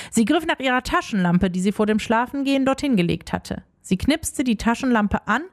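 A woman narrating a children's story in an expressive storybook reading. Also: on the high side. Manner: expressive, lively.

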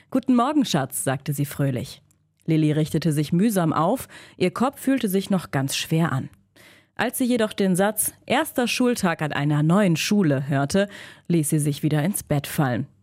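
A woman with a low voice reads a children's story aloud. Her delivery is steady and builds suspense. The sound is dry and close. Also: no room sound. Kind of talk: scripted narration of a children's story.

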